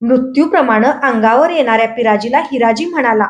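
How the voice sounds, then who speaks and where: Woman, Marathi accent, dramatic story reading, high-pitched, echoey room. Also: fairly quick. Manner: expressive, raises voice for characters' shouted lines. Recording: roomy echo.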